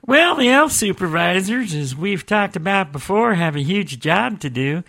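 A man plays a chatty elf radio reporter on a comedic podcast, with a high voice for a man. He speaks in an earnest, folksy way and keeps addressing his co-host by name. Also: very animated, moderate pace, vocal fry, sharp tone, exaggerated voice. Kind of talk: comedic audio podcast acting.

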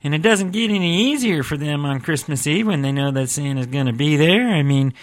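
A man plays a chatty elf radio reporter on a comedic podcast, with a high voice for a man. He speaks in an earnest, folksy way and keeps addressing his co-host by name. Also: lively intonation, fairly quick, lightly acted. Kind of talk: comedic audio podcast acting.

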